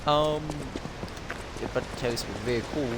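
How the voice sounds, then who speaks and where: A man's voice: mid-range voice, fast talker. A man giving casual commentary as he plays a video game. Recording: game sounds and noise behind voice.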